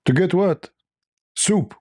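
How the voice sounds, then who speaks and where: A man's voice: high voice, takes it slowly, mellow, slightly rough. A man hosting a livestream, giving mocking, sarcastic commentary and repeating phrases for emphasis. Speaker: livestream host.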